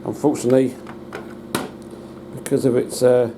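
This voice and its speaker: A British hobbyist gives a casual, hands-on demonstration in a halting, matter-of-fact way. His mid-range voice has a flat delivery, and there's noticeable background noise in the recording.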